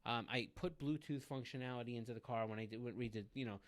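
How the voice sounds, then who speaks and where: A man's voice: medium pitch, quick pace. Rambling casual male podcast co-host. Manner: rambling, many fillers and restarts. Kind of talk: casual chat.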